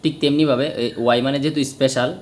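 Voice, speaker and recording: A man's voice: medium pitch, fairly even intonation, very fast. A man teaching English grammar, explaining step by step and answering his own questions. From Bangladesh. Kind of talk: spoken grammar lesson.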